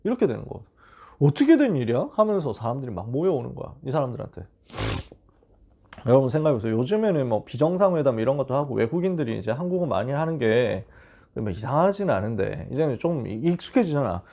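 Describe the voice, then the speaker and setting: Male youth pastor, animated, gravelly dark voice, chatty storytelling sermon. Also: medium pitch, quick pace. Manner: casual storytelling, acts out quoted voices. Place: church.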